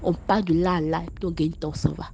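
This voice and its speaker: A young woman with an Ivorian French accent, speaking in a mellow, darker tone. She stammers and repeats herself as she tells her own story into a phone voice message, animated and scolding, with faint noise behind her. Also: on the low side, quick pace, gravelly, dull audio. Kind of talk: casual spoken testimony.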